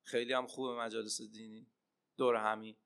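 Impassioned male preacher, bright voice. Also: lowish voice, level tone, vocal fry, clean tone. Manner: impassioned, swinging between loud emphatic cries and hushed asides. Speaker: preacher and Arabic teacher. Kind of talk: religious sermon with storytelling.

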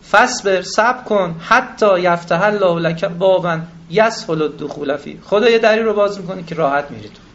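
A man's voice: sits high, hardly any pauses. A man giving a religious lecture, reciting scripture and explaining it in everyday speech, asking the audience questions. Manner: self-deprecating, addresses audience with questions. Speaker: cleric lecturer. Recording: dull lo-fi recording.

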